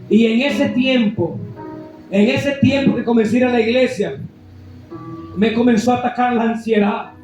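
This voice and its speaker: Evangelist guy shouting his testimony, really high voice, big echo from far off. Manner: impassioned, shouting, preacherly. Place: church.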